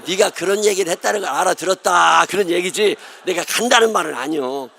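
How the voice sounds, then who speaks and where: In a church sanctuary, a middle-aged pastor from Chungcheong province preaches a revival sermon in a Chungcheong Korean accent. His high-pitched, bright voice is forceful and fairly quick, with vocal fry. He tells folksy, joking stories, muttering and mimicking others.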